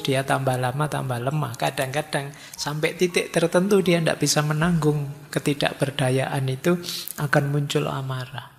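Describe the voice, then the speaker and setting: A man's voice: on the high side, creaky. A middle-aged man giving a conversational philosophy lecture in a mosque hall, acting out the voices of students he quotes.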